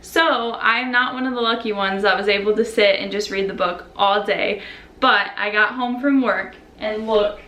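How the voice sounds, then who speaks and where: A woman's voice: medium pitch, moderate pace, slight background noise. Gushing young woman book vlogger. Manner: gushing, excitable. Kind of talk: casual vlog chat. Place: at home.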